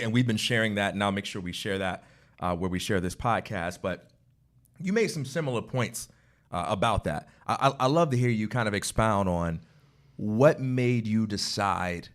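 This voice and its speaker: This podcast co-host spins stories in casual conversation, full of laughter and quotes he performs in character. His voice is fairly low and moves at normal speed.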